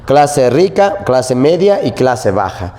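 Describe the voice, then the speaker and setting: A man's voice: medium pitch, big pitch swings, slow pace, dark tone. A man teaching a literature class, talking animatedly and constantly checking in with his students. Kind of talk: prep-school lecture. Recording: long hall reverb.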